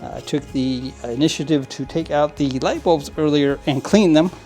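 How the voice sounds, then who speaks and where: A man's voice: a little high, moderate pace, dark tone, soft background music. A man casually narrating hands-on model train cleaning at his work table, rambling with fillers and little chuckles. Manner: rambling, many fillers and restarts, chuckles often. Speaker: model train hobbyist channel host. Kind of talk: casual how-to narration while working.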